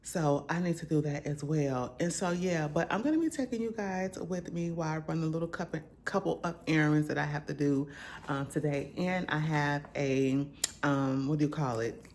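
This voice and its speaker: A woman hosting her vlog from home in a relaxed, chatty, slangy way, still in her groggy morning voice. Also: sits low, normal speed, slight background noise. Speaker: vlogger host. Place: at home, indoors.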